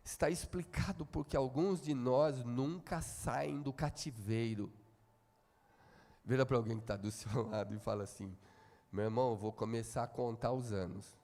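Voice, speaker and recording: A Brazilian man preaching a sermon in a church, calling on the congregation to repeat after him and swinging between quiet talk and shouting. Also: mid-range voice, moderate pace, long reverb tail. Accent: Brazilian Portuguese. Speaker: pastor. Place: church hall.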